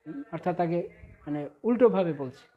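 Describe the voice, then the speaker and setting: A man preaching a devotional sermon online, fervent and rising on ecstatic phrases, slipping into slow melodic chanting of hymn verses. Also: sits high, animated, narrow, tinny audio. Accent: Bengali. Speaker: preacher leading an online class.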